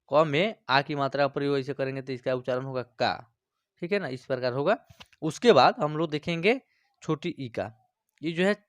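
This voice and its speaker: A male teacher walks through a lesson step by step. He keeps asking whether his listeners follow. His voice sits a little high, and the recording is dry and close. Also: no room sound. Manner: explains step by step, often checks understanding. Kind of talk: online class lesson.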